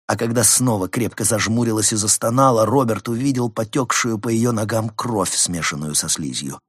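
A man narrates an audiobook in a measured, dramatic storytelling manner. His voice is low and a little husky. The recording is close and dry, with no room sound. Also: no echo. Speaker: audiobook reader. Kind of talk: scripted narration.

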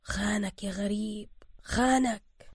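A rambling old Egyptian man mutters the same words over and over, low and slow, as a woman puts him on. He has an Egyptian accent, and the recording is dry. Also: steady tone, husky, no room sound. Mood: muttering. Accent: Egyptian Arabic.

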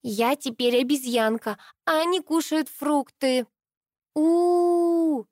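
A woman's voice: high voice, expressive, measured pace, no room sound, studio quality, voice pushed up. A woman voicing a cheeky little girl who thinks she is a monkey, in a chirpy, childish, squealing manner, as an audiobook character voice.

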